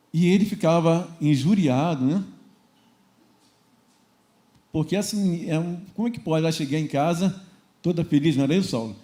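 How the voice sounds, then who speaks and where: A man with a Brazilian accent preaching a sermon to his congregation in an informal, lively way, acting out little everyday scenes. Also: a little high. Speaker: church founder preaching. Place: church service before a congregation.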